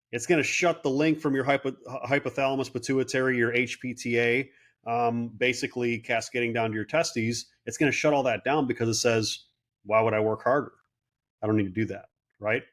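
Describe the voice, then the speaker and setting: Guest, man, late 30s, casual and animated, mid-pitch, acts out quotes. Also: fairly quick. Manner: animated storyteller, quotes people in voices. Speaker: guest, clinic owner. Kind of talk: casual interview talk.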